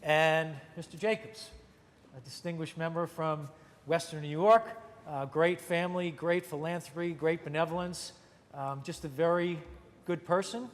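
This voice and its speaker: A man's voice: on the high side, steady tone, normal speed. A man, a state senate majority leader, giving opening remarks on the chamber floor, chatty and slipping in wry joking asides. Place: large legislative chamber, indoors. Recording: long reverb of a large chamber.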